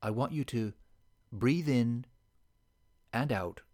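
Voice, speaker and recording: A man leading a guided meditation in a soft, slow and soothing voice that sometimes sinks to a whisper. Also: mid-range voice.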